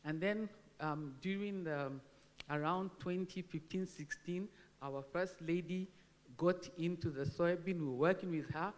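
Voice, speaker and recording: A woman's voice: fairly low pitch, a little slow, darkish tone. Kenyan woman in her sixties, missing front teeth. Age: 60s. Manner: candid, self-deprecating, emphatic. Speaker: agricultural research speaker. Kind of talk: informal speech at a launch event. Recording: long hall reverb on microphone.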